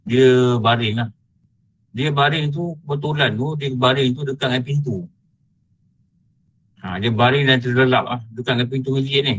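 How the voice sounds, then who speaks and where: A middle-aged man with a Malaysian Malay accent who teaches religion and gives a colloquial online lecture in a lively storytelling style, with big swings in pitch. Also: low-quality recording.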